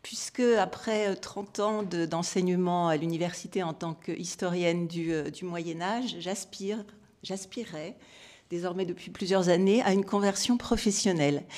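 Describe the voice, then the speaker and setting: A woman's voice: lowish voice, moderate pace, darkish tone. A woman, giving an academic symposium talk as a historian, hesitant with many fillers and restarts.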